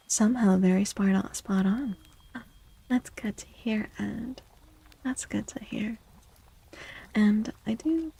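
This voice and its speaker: This is a gentle ASMR tarot livestream led by a soft-spoken woman whose breathy, medium-pitched voice keeps sliding into a whisper. She soothes with unhurried reassurance over a rough recording.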